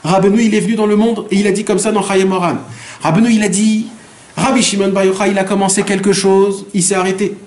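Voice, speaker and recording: This rabbi's voice sits high and darkish, with fairly even intonation and a quick pace. Teaching a Torah lesson, he asks rhetorical questions and answers them himself, repeats phrases for emphasis, and mixes Hebrew terms into his speech.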